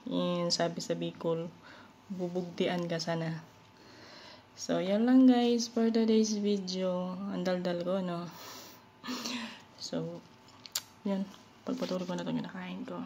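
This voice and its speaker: A woman's voice: lowish voice, slow pace, long pauses. A woman from the Philippines telling a story in a casual, gossipy home vlog, chatting to her viewers as a regular vlogger. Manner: gossipy, animated, addresses viewers as guys. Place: home in Hong Kong. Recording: dull lo-fi sound with faint noise.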